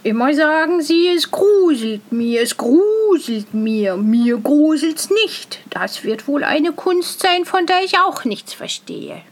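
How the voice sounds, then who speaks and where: A woman's voice: high-pitched, sing-song, pitched above the performer's own voice, heavily acted. A woman voicing a naive, fearless young peasant boy in a fairy tale reading, speaking eagerly and earnestly. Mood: wondering. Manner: eager, earnest, slow and wondering. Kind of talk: storybook reading.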